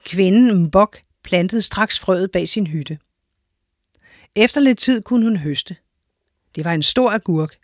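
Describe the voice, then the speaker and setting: A woman's voice: medium pitch, pauses often, dry recording, studio quality. Woman reading a children's story. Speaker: narrator.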